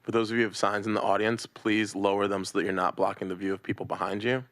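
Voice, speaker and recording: Flat, brisk man chairing a meeting. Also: on the low side, a little hiss or hum. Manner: brisk, procedural.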